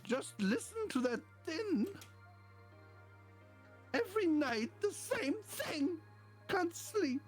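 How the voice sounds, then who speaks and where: A woman's voice: very high-pitched, big pitch swings, slow, long pauses, soft background music, pitched above the performer's own voice, exaggerated voice. A woman voicing a fussy, complaining older male neighbor, read aloud from a game in a theatrical, exasperated, gossipy way. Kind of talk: reading game dialogue aloud.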